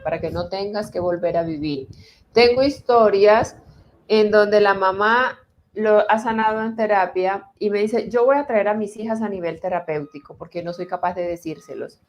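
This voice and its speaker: A woman therapist speaks in a calm, deliberate way, at a medium pitch. She explains things conversationally and slows down when she guides listeners through a healing exercise.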